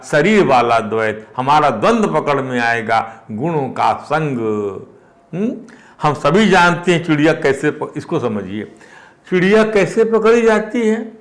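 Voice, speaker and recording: A man's voice: a little high, a bit bright. An older man giving a spiritual discourse, repeating phrases and rising with emphasis on key points.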